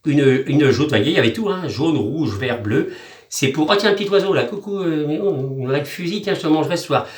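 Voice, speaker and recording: High-voiced joking man, echoey room. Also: lively intonation, brisk, recorded from a distance. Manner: chatty, crude jokes, chants nonsense magic words. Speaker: video host. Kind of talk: rambling joking vlog.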